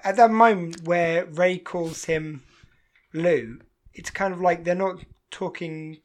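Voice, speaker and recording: Chatty enthusiastic podcast co-host. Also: mid-range voice. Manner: chatty, enthusiastic, many restarts. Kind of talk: casual chat reviewing a TV show.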